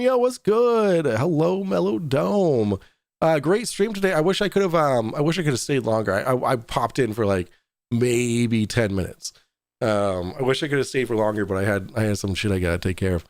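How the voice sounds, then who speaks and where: A man's voice: mid-range voice, darkish tone, no echo. A man with a Boston accent hosting a talk show, joking and laughing through casual live-stream commentary.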